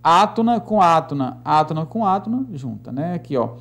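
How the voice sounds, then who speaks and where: A man teaching a recorded literature lesson, patiently explaining rhyme and meter, slowing down to count syllables aloud and often checking in with "né" and "tá". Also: on the high side, big pitch swings, vocal fry, fairly bright tone.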